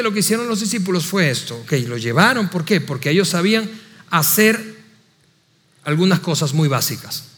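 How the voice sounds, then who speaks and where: High-voiced man preaching in a hall. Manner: animated preaching, acts out doubting voices. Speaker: pastor. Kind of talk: sermon.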